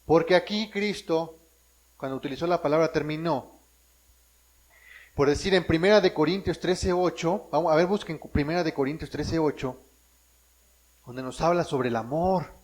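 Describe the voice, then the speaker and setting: Preaching with a fairly high, darkish-toned voice, a Mexican pastor teaches his way through Bible passages, checking in often with his audience. His delivery is full of restarts and fast self-corrections, and the audio quality is poor.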